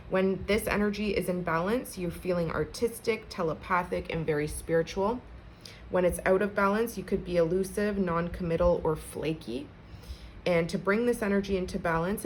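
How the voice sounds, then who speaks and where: A woman with a notably low voice gives a relaxed collective tarot reading. She talks in a chatty, conversational way and speaks straight to her viewers. Faint noise sits behind her voice. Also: rough recording. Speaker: tarot reader.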